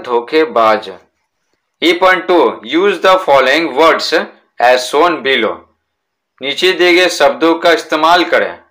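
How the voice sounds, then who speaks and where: A man teaches a school lesson in Hindi in a slightly high, somewhat bright voice. He repeats words slowly and poses questions that he then answers himself.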